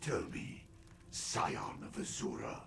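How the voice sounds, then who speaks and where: An actor playing a cruel, vengeful demon lord in a fantasy video game, menacing and solemn, with a gravelly, echoing otherworldly voice. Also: male voice, background noise. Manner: menacing, vengeful spirit, slow and solemn threats. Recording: echoing voice over game music.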